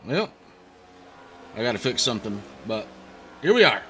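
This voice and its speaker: A man hosting a live racing broadcast, calling the standings and the action in brisk play-by-play over a headset. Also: medium pitch, sing-song, bright, forceful tone, slight background noise. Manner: brisk play-by-play, running through standings and names. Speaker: lead race commentator.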